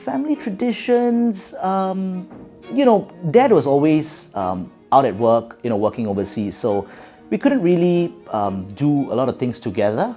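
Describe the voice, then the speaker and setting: A man's voice: fairly high pitch, expressive, unhurried, mellow, faint music behind. A middle-aged man from Singapore with a Singaporean English accent, giving thoughtful interview answers with many fillers and restarts. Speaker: guest.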